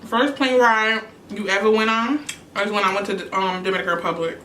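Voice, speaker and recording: A woman's voice: medium pitch, steady tone, a little fast, fairly bright tone, a little hiss or hum. A young woman from New York chatting casually on her eating show, answering questions between bites. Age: young adult. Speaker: YouTuber. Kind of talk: casual mukbang chat. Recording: echoey room, mic at a distance.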